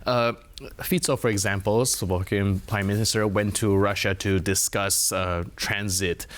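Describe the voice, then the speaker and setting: Low-voiced male news host. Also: steady tone, measured pace, a bit bright. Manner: hesitant, fillers and restarts when asking questions. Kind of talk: scripted intro then interview questions.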